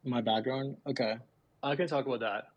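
A man's voice: mid-range voice, steady tone, fairly quick, no room sound, highs cut off. Modest man. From Pakistan. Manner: modest, slightly hesitant. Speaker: guest, software engineer. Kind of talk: casual interview talk.

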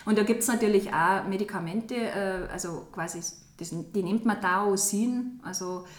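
A woman talks casually as a podcast co-host. She often agrees and stops to search for her words. Her voice sits at an ordinary middle pitch and carries a clear roomy echo. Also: normal speed. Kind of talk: casual chat.

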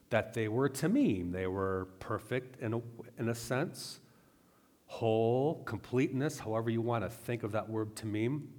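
A man's voice: on the low side, a little mellow. Man giving a conversational Bible teaching. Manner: conversational, with asides and filler "right?". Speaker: teacher of a weekly Torah portion. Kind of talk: sermon-style Bible teaching.

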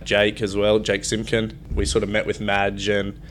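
A man's voice: on the low side, monotone, moderate pace, a bit bright, a little hiss or hum. A nineteen-year-old man with a Queensland Australian accent, chatting plainly in a podcast interview as a rugby league player. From Brisbane, Queensland, Australia.

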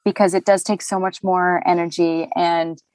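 A woman's voice: lowish voice, normal speed, no room sound. Chatty woman voice actor, dry sound. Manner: chatty, animated, laughs often, many fillers. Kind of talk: casual interview chat.

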